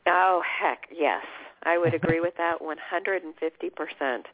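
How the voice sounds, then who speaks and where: Female guest coach with a cold, croaky voice, earnest conversational delivery, heard over a narrow telephone line. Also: fairly low pitch, normal speed. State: has a cold. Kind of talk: conversational interview. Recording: tinny phone line.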